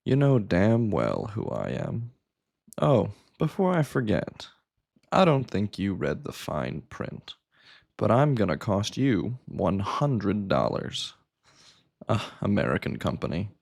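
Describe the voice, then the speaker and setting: An actor playing a charming, teasing doctor who appears as a fantasy boyfriend, with a warm, playful and grumbly manner. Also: male voice, lowish voice, huge pitch swings, takes it slowly, no room sound, clean studio sound, full character voice. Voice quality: grumbly, gravelly. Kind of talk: short film drama.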